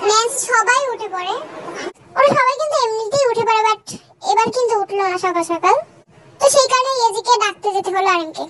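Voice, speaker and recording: A young woman casually narrating a fan story in a chatty way, full of fillers. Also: very high-pitched. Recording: loud background hiss.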